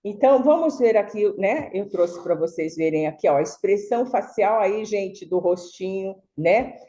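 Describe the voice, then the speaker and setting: A woman's voice: medium pitch, expressive, moderate pace, mellow. A woman teaching a sign language class, explaining patiently with many fillers and tag questions. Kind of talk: online lecture.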